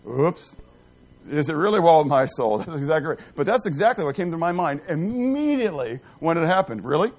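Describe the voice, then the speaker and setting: Speaking a little high and a little fast, a middle-aged man leads his group through a Bible lesson in a rambling, animated style, quizzing them, joking, and making fun of himself.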